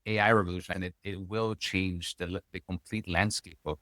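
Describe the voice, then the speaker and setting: A man's voice: sits low, fairly even intonation, a little fast, a bit bright, no room sound, studio quality. A man hosting a podcast, asking friendly, chatty questions and rambling through his own thoughts. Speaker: podcast host. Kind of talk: casual podcast interview.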